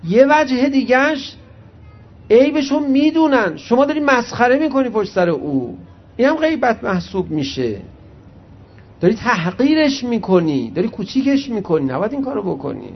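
A man preaching a religious sermon, reciting Arabic hadith slowly and then explaining them conversationally to his audience. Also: extremely high pitch. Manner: animated storyteller addressing the audience directly. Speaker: cleric preacher. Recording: muffled lo-fi recording.

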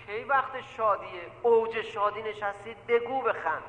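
A male preacher with a high, bright, ringing voice delivers an animated sermon full of stories. He keeps addressing his listeners directly and repeats lines for emphasis. He sounds like he is in a big echoing hall with a long reverb tail. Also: slight background noise. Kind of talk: sermon with storytelling.

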